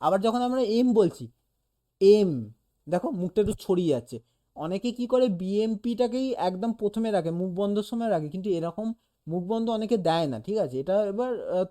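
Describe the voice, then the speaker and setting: Patient tutor, dark mellow tone, talks a student through a lesson and sounds out examples. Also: mid-range voice. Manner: explains patiently, demonstrates sounds aloud, keeps checking "okay?". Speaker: animation teacher. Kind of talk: casual one-on-one lesson.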